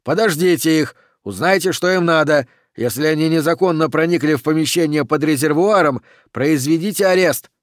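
A man voicing a stout, panicking police captain who shouts orders and whose voice cracks to a squeal. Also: fairly high pitch, normal speed, hardly any pauses, no echo, studio quality, voice pushed up, lightly acted. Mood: panicked shouting.

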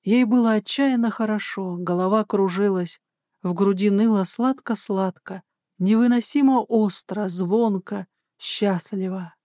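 An audiobook narrator reading a romance novel in even, scripted narration. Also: mid-range voice, unhurried, dry recording, studio quality.

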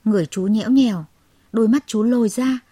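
Woman narrating a children's story, husky. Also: a little high, no echo. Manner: measured and expressive.

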